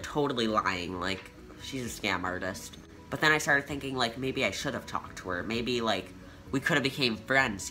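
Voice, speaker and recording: A teenage boy telling a casual storytime to his channel, chatty and full of "like" fillers. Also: mid-range voice. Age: teens. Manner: chatty, filler-heavy with frequent "like"; youthful and animated. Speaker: vlogger.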